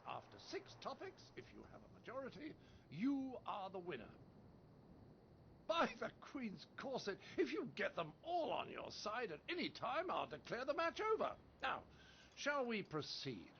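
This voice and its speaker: A boastful foreign debater in a video game, all swagger and scorn. His high, gravelly voice swoops up and down as he taunts, heard through dull lo-fi game audio with a faint hiss. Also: wildly swooping pitch, normal speed, full character voice. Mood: mocking. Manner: pompous, taunting, sing-song delivery. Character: boastful foreign male debater, mocking and theatrical.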